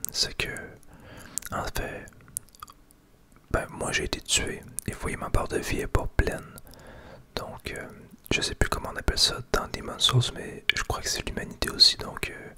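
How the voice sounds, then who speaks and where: This Quebec man, with a Québécois French accent, keeps entirely to a soft, nearly toneless whisper that comes across bright and sibilant. At a moderate pace, he unhurriedly guides viewers through a video game in ASMR commentary style.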